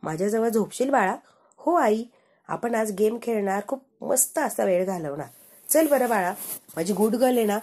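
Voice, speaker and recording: A caring young mother from a family TV drama who coaxes her child gently, voiced by a woman narrator. The voice is soft, mellow and slightly breathy. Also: mid-range voice, lively intonation, moderate pace. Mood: coaxing.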